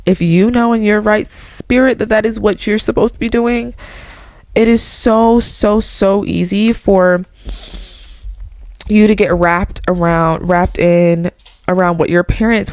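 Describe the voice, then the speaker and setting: A woman's voice: medium pitch, a little mellow, no room sound. A woman in her twenties chatting casually to her viewers as a vlogger, earnest and rambling, full of "like" and "okay". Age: 20s. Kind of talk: casual motivational chat.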